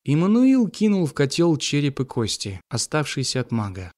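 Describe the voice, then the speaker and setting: A man's voice: on the high side, wildly swooping pitch, moderate pace, darkish tone, no echo. Man narrating a comic fantasy, dry sound.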